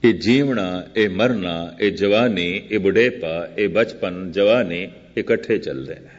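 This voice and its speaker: An older man giving a Sikh scripture discourse, speaking in slow, measured, repeated contrasting phrases and drawing out quoted verses. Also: low voice. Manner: chants quoted verse very slowly. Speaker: Sikh preacher giving katha. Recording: muffled old recording with long hall reverb.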